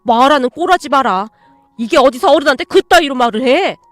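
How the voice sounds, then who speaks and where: A woman's voice: sits high, animated, fairly quick, dry recording, faint music behind. A woman acting as a furious bullying father. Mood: yelling, contemptuous. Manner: yelling, insulting, jabbing. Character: furious middle-aged father, bullying and crude. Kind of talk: radio story reading.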